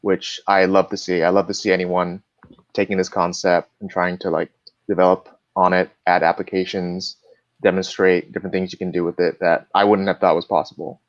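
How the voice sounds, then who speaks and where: A man's voice: low voice, little pitch movement, fairly quick, no room sound. A man chatting as a guest on a live stream, explaining things in an easygoing way with plenty of fillers. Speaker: guest cardist. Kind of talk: casual live-stream chat. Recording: dull lo-fi dry sound.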